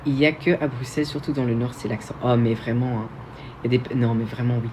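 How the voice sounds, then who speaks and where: A man's voice: mid-range voice, fairly even intonation, fast, noisy background. A young man from Belgium, hosting a casual livestream and answering viewer questions in a chatty, self-mocking way with frequent restarts. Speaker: livestream host.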